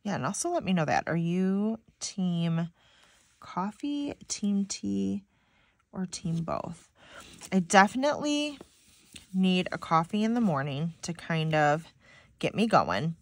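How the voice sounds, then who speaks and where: A young woman from Michigan speaks slowly in a fairly low, sing-song voice with a slightly stuffy, nasal quality. As a planner vlogger, she rambles casually to her viewers while decorating a planner, chatty and full of "like"s.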